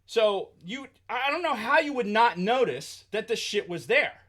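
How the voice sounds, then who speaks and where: Guy on a podcast totally fed up, cursing nonstop, pitch all over the place. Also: lively intonation, a little slow, fairly bright tone. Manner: heated, profane ranting. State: angry. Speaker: podcast co-host. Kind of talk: casual podcast chat.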